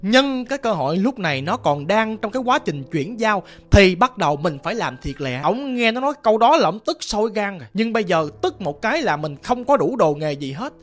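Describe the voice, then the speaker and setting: Lively woman storyteller. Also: medium pitch, fairly quick, hardly any pauses. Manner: chatty, vivid, conversational, explains as she goes. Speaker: ghost story narrator. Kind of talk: casual spoken storytelling.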